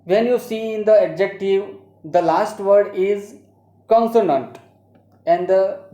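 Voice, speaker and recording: A woman's voice: medium pitch, dark tone. A woman teacher with a Gujarati accent, reading English grammar rules aloud in a recorded lesson and explaining them. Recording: dull, roomy home recording.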